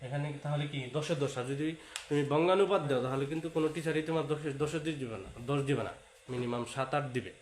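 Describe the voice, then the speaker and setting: A man's voice: a little high, fast talker. A man giving an exam-prep lecture to students, repeating key points and mixing in English words. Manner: repetitive, talks straight to students, sprinkles English words. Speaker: teacher. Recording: echoey room with faint hiss.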